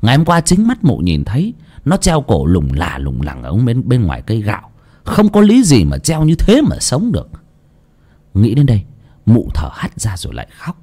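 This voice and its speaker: A man's voice: medium pitch, wildly swooping pitch, moderate pace, dark tone. A man narrating a village ghost story in a dramatic, suspenseful way.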